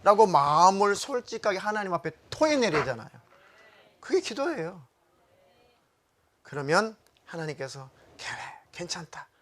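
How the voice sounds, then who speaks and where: A man preaching a sermon as senior pastor, fervent, moving between loud calls and hushed asides. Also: high voice, big pitch swings, normal speed, pauses often.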